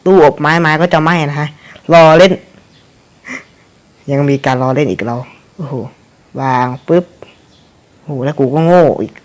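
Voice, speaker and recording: A man's voice: fairly high pitch, moderate pace. A young man casually commentating his own gameplay, rambling and cursing at the game with frequent chuckles.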